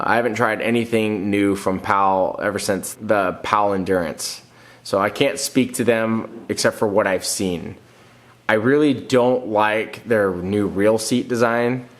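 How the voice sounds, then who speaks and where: Indoors at home, a male fishing vlogger in his thirties reads out viewer comments and responds to them on camera. He speaks plainly in a slightly low voice made nasal by a cold, frequently starting his sentences over.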